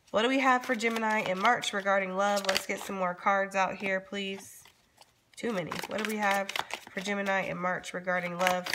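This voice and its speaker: A woman giving a casual, chatty tarot reading as channel host, speaking informally and straight to her viewers. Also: mid-range voice. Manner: informal, addresses viewers directly, frequently checks in with "okay?". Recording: background noise with card shuffling and clicks.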